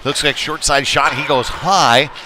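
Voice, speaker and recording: Here a man with a slightly high voice and fairly even intonation calls youth hockey live at a measured pace. He sounds folksy and conversational, offering analytical asides over a noisy rink backdrop.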